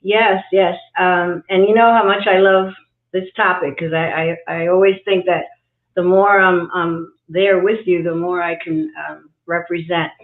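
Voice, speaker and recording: Woman guest on a video call, thoughtful, halting with fillers, phone-like sound, echoey room. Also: fairly low pitch, fairly even intonation. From Cuba and New York City. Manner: thoughtful, frequent fillers and restarts. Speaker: guest, executive coach. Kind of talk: livestream interview.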